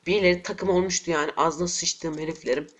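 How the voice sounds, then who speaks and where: A man's voice: on the high side, steady tone, fast talker. Cursing, frustrated young gamer man. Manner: frustrated, cursing, bursts of shouting. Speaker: gaming channel host. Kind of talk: live gameplay commentary. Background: keyboard typing and mouse clicks.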